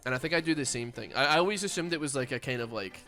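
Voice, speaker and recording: While streaming a game, a Glaswegian man from Scotland with a lisp mumbles and rambles through casual chat, full of fillers. His mid-range voice is expressive and sharp in tone, and he talks very fast over soft background music.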